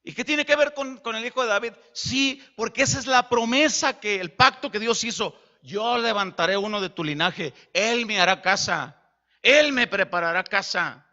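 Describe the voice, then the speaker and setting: Animated pastor preaching, high bright voice. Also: male voice, normal speed. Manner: animated, acts out dialogue. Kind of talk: sermon. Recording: dull lo-fi.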